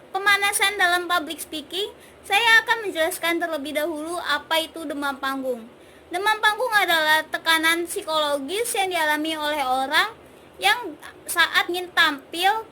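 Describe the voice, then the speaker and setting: A young woman in her twenties from Indonesia, a communication student, explaining public speaking warm-ups step by step in an instructional vlog. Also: extremely high pitch, a little hiss or hum. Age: 20s. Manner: clear, explaining step by step with demonstrations. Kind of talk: instructional vlog with vocal exercises.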